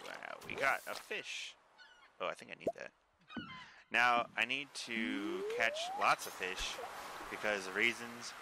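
A man's voice: on the low side, very noisy. A man in his thirties giving casual, joking game commentary, rambling along to himself. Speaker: gaming video host. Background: game music.

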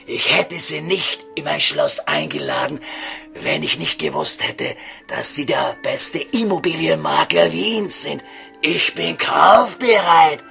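Here is a pompous, evasive vampire count from a comedy audio sketch. He speaks ornate standard German in a heavily creaking voice, raised in pitch. The delivery is drawn-out and sharp-edged. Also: very animated, faint music behind, exaggerated voice. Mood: haughty. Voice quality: gravelly, creaky.

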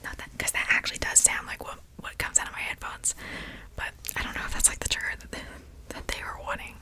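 A young woman speaks in a breathy ASMR whisper right up against a desktop microphone. She chats casually to viewers, rambling along in a playful, apologetic way. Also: quick pace, bright, forceful tone. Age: young adult. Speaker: ASMR creator. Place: small indoor bedroom. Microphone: large desktop condenser microphone, very close.

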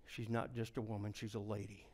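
Middle-aged preacher swinging whisper to shout. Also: male voice, fairly low pitch, little pitch movement, brisk. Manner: swings between hushed near-whispers and shouted climaxes; folksy storytelling preacher. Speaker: revival preacher. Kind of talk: revival sermon.

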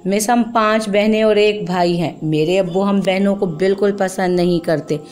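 A woman's voice: medium pitch, steady tone, normal speed, a little mellow, close to an everyday voice. Woman voicing Jamila, a timid pleading girl. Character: frightened young girl, later a tearful young mother.

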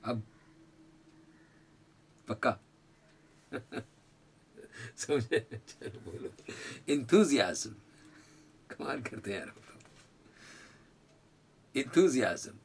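A man with an Indian accent teaching a spoken-English lesson, repeating words slowly for drilling and chuckling often. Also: mid-range voice, big pitch swings, slightly rough.

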